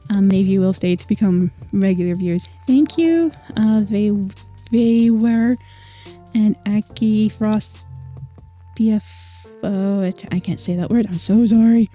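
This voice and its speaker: Her mid-range, mellow voice moves at a measured pace with faint music behind. A vtuber streamer of Scottish origin but mostly American accent, she chats casually on her livestream, chatty and apologetic with frequent fillers.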